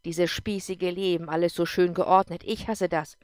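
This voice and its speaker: A woman voicing a drunk, bitter man who talks loudly and with contempt, in an audiobook. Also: fairly low pitch, steady tone, normal speed, no echo, studio quality, natural voice. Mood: angry. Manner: loud, contemptuous, pushing. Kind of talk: audiobook character voice.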